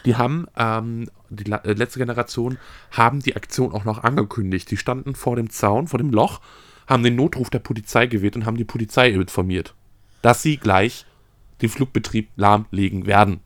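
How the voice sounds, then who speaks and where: Young man, blunt and profane, animated storyteller, casual podcast chat, middle pitch, dry close sound. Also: normal speed, no room sound. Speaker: podcast co-host.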